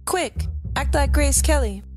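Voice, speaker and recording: A woman playing a matter-of-fact granddaughter who insists with flat deadpan calm. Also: high voice, a little slow, soft background music.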